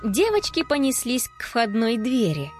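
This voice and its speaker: A woman reads a children's story aloud with a lively, expressive delivery. Her voice sits at a middle pitch but moves freely up and down with the action. Faint music plays underneath. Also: normal speed. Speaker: audiobook narrator.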